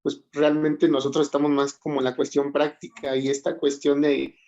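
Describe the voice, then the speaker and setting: A man's voice: on the high side, monotone, normal speed, a little mellow, highs cut off. A man joining a class discussion as a student, hesitant and full of fillers.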